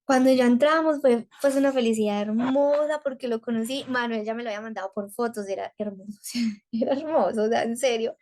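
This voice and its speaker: A young woman from telling a personal story as a podcast guest, quick and repetitive, often acting out her own thoughts in quotes. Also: fairly high pitch. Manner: rapid, repetitive, animated retelling with quoted inner speech. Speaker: guest, mother.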